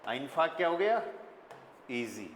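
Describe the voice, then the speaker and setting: Very animated but measured in pace, a man with a mid-range voice and an Indian accent teaches German, quizzing students and spelling out words one letter at a time. His lesson echoes through a reverberant classroom with faint background noise.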